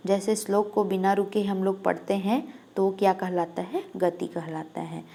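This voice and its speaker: A woman's voice: medium pitch, fairly even intonation, moderate pace, vocal fry, warm tone. A woman teacher giving an exam-prep lesson, explaining step by step and asking questions that she answers herself. When she demonstrates a sound, she draws it out.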